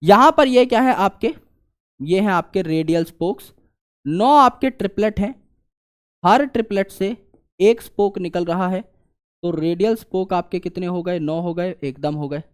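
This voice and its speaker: A male biology teacher, lecturing online while he draws a diagram. He keeps asking questions and answering them himself, going loud on the questions and muttering as he draws. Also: high-pitched, unhurried, clean tone. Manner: repetitive, asks and answers own questions; swings between loud questions and quiet drawing mutters.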